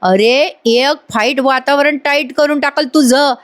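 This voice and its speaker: This is a rustic young mechanic who talks rough and boasts about his girlfriend, as a female narrator puts him on in a serial recap. The voice is blunt and a little swaggering. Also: high-pitched, a little slow, voice pushed up. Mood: boastful.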